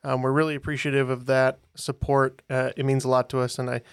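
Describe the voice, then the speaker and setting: A man co-hosting a casual podcast, speaking in an earnest, slightly halting way. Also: mid-range voice, little pitch movement, smooth, no room sound, clean studio sound. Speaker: podcast co-host.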